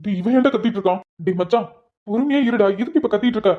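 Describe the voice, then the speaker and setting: A man playing a worried friend, high-pitched. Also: racing, dull audio, lightly acted. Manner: soothing, questioning. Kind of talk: cartoon voice acting.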